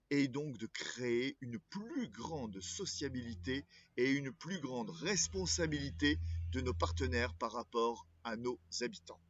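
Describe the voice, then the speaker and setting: With a husky, medium-pitched voice, a man reads out a prepared speech as a local political candidate, formal and measured, with the odd stumble. The sound is lo-fi and there's no room sound.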